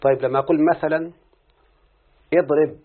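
An Egyptian man talks quickly through a grammar lesson, his voice slightly high and husky. He explains each step and keeps asking his teacher to confirm. The sound is thin and phone-like. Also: fairly even intonation. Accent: Egyptian Arabic. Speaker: student reciting a grammar lesson. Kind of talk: Arabic morphology lesson, question and answer. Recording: tinny phone-like recording.

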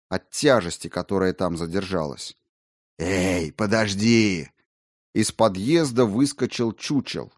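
A male audiobook narrator reading in an even, measured way. His voice sits a little low, and the recording is dry and close. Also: no echo. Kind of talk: scripted narration.

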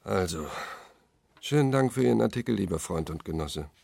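A man's voice: low voice, animated, brisk, gravelly, a little mellow, no room sound, studio quality, heavily acted. A man voicing an amused, condescending middle-aged male newspaper editor who talks with smug, mocking ease, in an audiobook.

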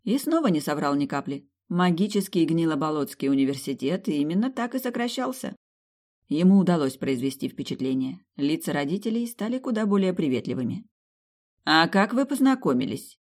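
A woman's voice: deep voice, animated, brisk, dark tone. A woman narrating a humorous fantasy audiobook in the first person, with a wry, conversational delivery.

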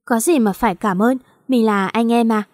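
A woman voicing a gentle, kind young man, an older brother, in an audio story. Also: fairly high pitch, moderate pace, no echo, clean studio sound, lightly acted.

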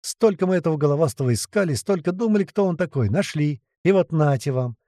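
A man narrating a first-person audiobook in a blunt, swearing manner. His voice is mellow and animated, ranging widely in pitch. The recording is dry and close. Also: fast talker, no room sound. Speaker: audiobook reader.

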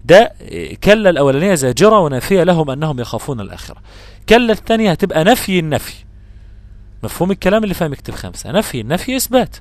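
A man's voice: a little high, sing-song, no room sound. Man teaching with an Egyptian accent. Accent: Egyptian Arabic. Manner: explains patiently, repeats examples, chants verses slowly. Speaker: Quran recitation teacher. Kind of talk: explanatory lesson.

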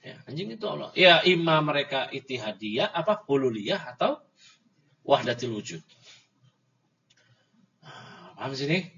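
A man's voice: medium pitch, big pitch swings, measured pace, gravelly, pauses often, pushed and bright. A man teaching an Islamic book study, reading Arabic passages and explaining them casually with mocking jokes for his listeners. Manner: reads Arabic text then explains it in colloquial speech; mocking, jokey asides to the audience. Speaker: religious teacher. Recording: dull lo-fi audio recording.

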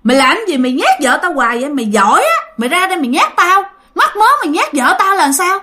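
A woman voicing an angry husband who curses roughly. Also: high-pitched, very animated, quick pace, sharp tone, voice pushed up, heavily acted. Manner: cursing, rough. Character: angry husband shouting at a ghost.

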